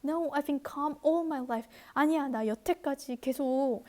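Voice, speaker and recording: A woman's voice: high voice, slow pace, a little mellow. A woman voicing a distraught, lovesick teenage boy in a storybook reading, with raised, strained cries. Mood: desperate.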